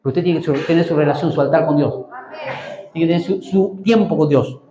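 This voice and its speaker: A man's voice: on the high side, brisk, noisy background. A male pastor, preaching a sermon and prompting the congregation to answer. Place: church hall. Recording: echoey church hall.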